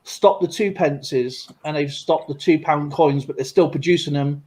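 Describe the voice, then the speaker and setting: A man's voice: a little high, normal speed, darkish tone, poor audio. A man chatting casually on a stream, rambling with lots of fillers and restarts. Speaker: streamer and coin collector. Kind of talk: casual live-stream chat.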